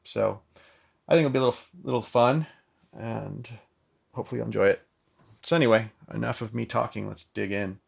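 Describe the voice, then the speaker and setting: Demonstrating a synth through a microphone plugged into it, a man talks loosely and chattily, filling gaps with lots of ums. His voice sits on the low side, gravelly and husky, with fairly even intonation and a fairly quick pace broken by frequent pauses.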